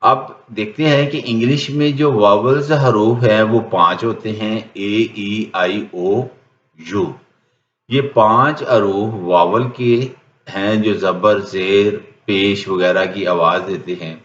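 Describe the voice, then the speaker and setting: A man whose first language is Urdu, an English teacher, explains a lesson plainly and methodically, step by step. His voice is fairly low and a bit bright, captured in an echoey room with dull, lo-fi sound.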